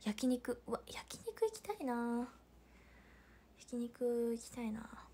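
A young woman with a Hiroshima Japanese accent chats casually on a livestream. Her voice sits a little high, and she reads out viewer comments and laughs often. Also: big pitch swings, takes it slowly, mellow, slight background noise. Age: young adult. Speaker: idol livestreamer.

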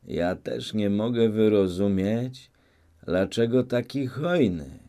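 A man's voice: lowish voice, slow, mellow, voice pushed up. A man reading an audiobook, voicing a cautious, doubtful village headman. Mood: worried.

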